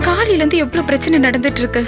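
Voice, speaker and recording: A woman's voice: sits high, animated, rapid-fire, over music. An actress playing a hurt young wife in a TV serial, reproaching her husband. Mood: reproachful. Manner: pleading, reproachful. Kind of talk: Tamil TV serial acting.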